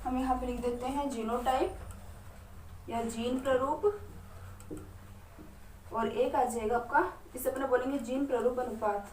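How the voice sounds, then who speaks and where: A woman's voice: high-pitched, steady tone, measured pace, pauses often, a little mellow, a little hiss or hum. A woman science teacher talking directly to her students at a writing board, asking herself questions and answering them step by step. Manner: talks straight to students. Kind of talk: whiteboard lesson. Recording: echoey room, mic at a distance.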